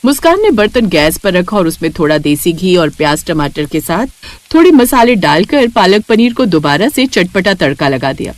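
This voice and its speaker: A woman giving scripted narration for a cartoon story, steady storytelling. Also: lowish voice, moderate pace, dry recording.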